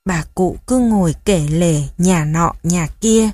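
Calm lady reading a story slowly, dry close mic. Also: lowish voice, dry recording. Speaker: narrator. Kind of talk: audiobook story narration.

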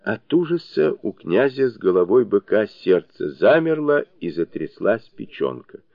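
A man narrating a fairy tale audiobook in an expressive, storytelling manner. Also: fairly low pitch, measured pace, vocal fry, no echo. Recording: dull lo-fi dry recording.

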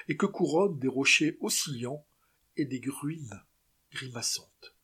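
A man reading a classic novel aloud as an audiobook narrator in steady, expressive storytelling. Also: a little high, breathy edge. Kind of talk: scripted narration.

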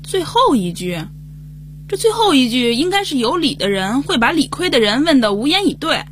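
Lively teasing female radio host. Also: high voice, moderate pace, a little hiss or hum. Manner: teasing, questioning. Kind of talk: casual chat.

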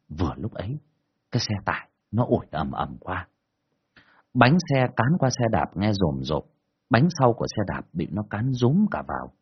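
A man telling a first-person ghost story in a colloquial, earthy, expressive way, in a dull lo-fi recording. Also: fairly low pitch, slightly rough.

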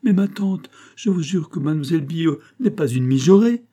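A man's voice: on the high side, lively intonation, normal speed, warm tone, voice pushed up. A man doing a whining teenage boy. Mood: pleading. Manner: pleading, tearful. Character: whining, clumsy sixteen-year-old boy.

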